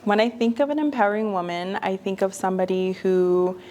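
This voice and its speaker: A woman's voice: mid-range voice, a little fast, mellow, dull audio. A young woman answering interview questions in a thoughtful, earnest way, with a few ums. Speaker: student interviewee.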